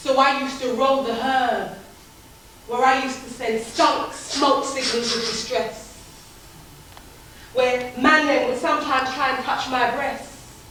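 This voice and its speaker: A woman's voice: high-pitched, fairly even intonation, slow, pauses often, bright, forceful tone, slight background noise, heavily acted. An actress performing a spoken-word theatre monologue, playing a young woman haunted by abuse, bitter and defiant, in a rhythmic, rhyming delivery. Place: theatre stage. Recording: echoey hall, taped from far off.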